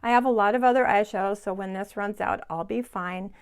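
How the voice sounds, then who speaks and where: A woman's voice: mid-range voice, fairly quick, smooth. Woman in her sixties, beauty vlogger, casual chatty review, speaks straight to viewers. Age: 60s. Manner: chatty and enthusiastic, addresses viewers directly. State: sweating in the heat. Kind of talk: casual product review chat. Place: home, hot room without air conditioning.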